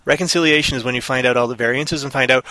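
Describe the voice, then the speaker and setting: A man's voice: mid-range voice, fairly even intonation, rapid-fire, bright, forceful tone, no room sound. A man from Canada hosting a live online show in a casual, rambling chat, playful and ranting, who slips into silly voices.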